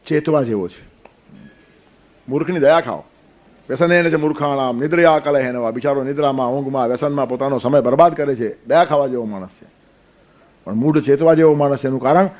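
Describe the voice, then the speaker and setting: Explaining a sacred text with homely stories, playful asides, and counting aloud, this man delivers a Gita discourse as a spiritual teacher. His voice is mid-range and darkish, and the recording's highs are cut off.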